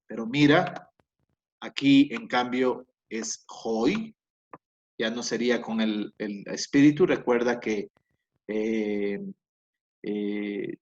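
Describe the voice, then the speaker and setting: A man teaching a recorded Greek grammar lesson in Spanish, explaining patiently, repeating key points and correcting himself with frequent fillers. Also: medium pitch. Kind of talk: recorded class lecture.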